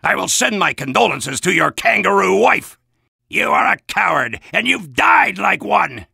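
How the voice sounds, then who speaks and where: An actor playing a gung-ho, belligerent American army soldier in a video game, barking bombastic orders and insults in a raspy, gravelly shout. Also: male voice, high-pitched, big pitch swings, unhurried, no room sound, clean studio sound, exaggerated voice. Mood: gloating, belligerent.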